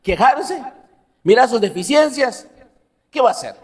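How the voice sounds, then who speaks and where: Guy pastor preaching, lively, tells funny stories, big echo in the hall. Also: very high voice, a little slow, husky. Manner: animated, laughs at own stories, asks the congregation questions. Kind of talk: sermon with personal stories. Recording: long hall reverb.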